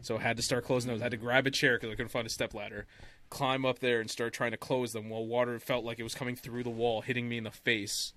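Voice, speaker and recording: A man chatting casually on a podcast call, telling an animated story and laughing as he talks. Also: medium pitch, fast talker. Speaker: podcast co-host. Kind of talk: casual chat.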